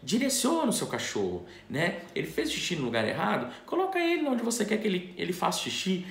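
Man teaching, lively pitch, echoey room. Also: brisk, vocal fry. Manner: explains step by step, asking and answering his own questions. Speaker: dog trainer. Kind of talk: instructional talk to camera.

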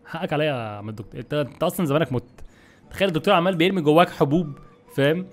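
Young Egyptian male gaming host, jokey and quick-tempered, very fast, soft game music behind. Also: a little high. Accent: Egyptian Arabic. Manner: excitable, exasperated, jokey, talks to viewers. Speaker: gaming YouTuber. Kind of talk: gameplay commentary.

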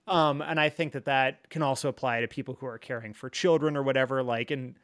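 This podcast guest has a medium-pitched, fairly bright voice with fairly even intonation, and he talks fairly quickly. Telling a personal story candidly, he rambles in an earnest, reflective way, dropping frequent fillers such as "like" and "you know."

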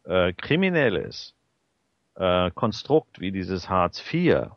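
Low-voiced man hosting talk radio, lo-fi. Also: very animated, takes it slowly, creaky, dry recording. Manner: hesitant, many fillers. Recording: dull lo-fi sound.

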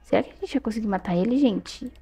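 A young Brazilian woman commenting casually on her gameplay, chatty and excitable, often exclaiming to her viewers at a desk mic. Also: fairly high pitch, fast talker, breathy edge. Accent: Brazilian Portuguese. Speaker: gaming youtuber.

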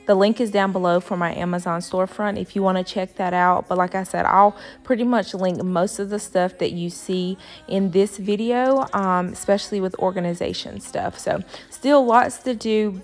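A woman's voice: medium pitch, fairly even intonation, normal speed, hardly any pauses, faint music behind. A young woman giving a casual voice-over for her home cleaning vlog, musing aloud with plenty of filler words. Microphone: voice-over, not recorded in the pictured kitchen.

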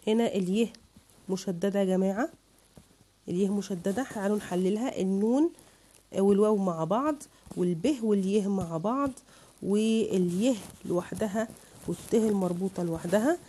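A woman's voice: mid-range voice, brisk, mellow, husky. A woman with an Egyptian accent teaching a children's lesson online, patiently breaking words into syllables for her pupils. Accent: Egyptian Arabic.

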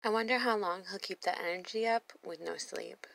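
A woman's voice: mid-range voice, normal speed, creaky, fairly bright tone, dry recording, rough recording. A woman commenting on a reality show in a sassy, blunt voice-over, swearing freely. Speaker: reaction video host.

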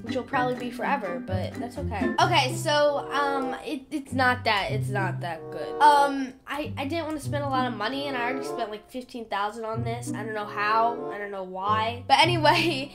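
A woman with a high voice talks through her game in a loose, chatty commentary. She sounds stuffed up and congested and keeps poking fun at herself. Clear music plays underneath. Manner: chatty, playful and self-mocking. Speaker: gaming channel host. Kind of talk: casual gameplay commentary.

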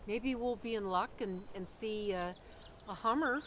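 A middle-aged woman chats casually as she walks through a garden, admiring what she sees and pausing on fillers. Her voice is picked up by a camera mic outdoors, with clear background noise. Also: medium pitch, rough recording. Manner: admiring, gentle, with many fillers. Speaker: garden tour guide. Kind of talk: casual walking tour chat. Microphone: camera held by companion.

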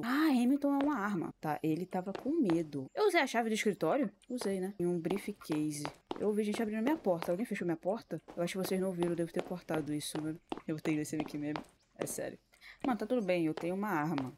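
A young woman with a Brazilian Portuguese accent giving casual, profane horror-game commentary that breaks into yelps at the scares. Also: fairly low pitch. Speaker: gameplay video creator. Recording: noisy recording with clicks.

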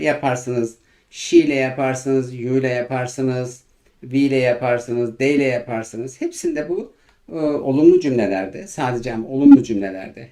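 An English teacher giving a grammar lesson, patiently repeating each example slowly, with hesitant fillers between phrases. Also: mid-range voice, vocal fry, mellow.

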